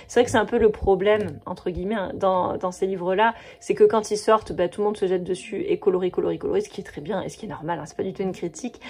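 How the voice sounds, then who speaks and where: A woman in her thirties talks casually to her camera in a mellow, slightly husky voice. She gushes freely about what she loves, filling her talk with fillers and small restarts. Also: medium pitch. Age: 30s. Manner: chatty, gushing, many fillers and restarts. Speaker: coloring book vlogger. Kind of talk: casual chat.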